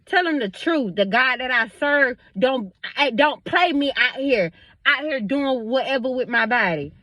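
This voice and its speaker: A woman with a somewhat high voice delivers a casual vlog monologue, talking straight to her viewers. She is emphatic and a little preachy, pressing her points home. The sound is dry and close, with almost no room echo. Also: animated, unhurried, sharp tone. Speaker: vlogger.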